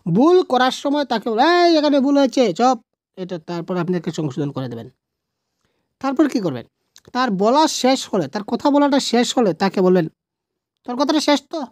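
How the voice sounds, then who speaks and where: A woman works through exam questions as a teacher, her voice bouncing up and down as she coaxes her viewers. She talks at an ordinary mid pitch. The sound is close and dry, with no room around it. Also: dry recording. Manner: animated, coaxing, keeps asking viewers to comment, mixes in English. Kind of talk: lively exam-prep lesson video.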